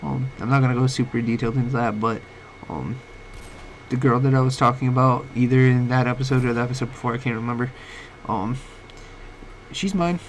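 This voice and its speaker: The audio is poor: a home microphone with fluctuating volume and a faint hiss. A young male vlogger with a cold speaks personally late at night in a medium-pitched voice that cracks at times, rambling and halting with lots of fillers and restarts.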